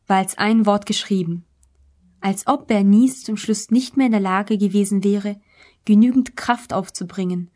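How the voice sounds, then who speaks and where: Woman reading a novel audiobook, calm, measured, mid pitch voice. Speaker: audiobook narrator.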